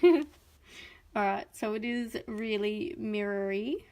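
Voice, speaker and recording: A young adult Australian woman hosts a chatty live craft unboxing, gushing with enthusiasm and sounding a bit sniffly from a cold. Her medium-pitched voice has a darkish tone, and she takes her time.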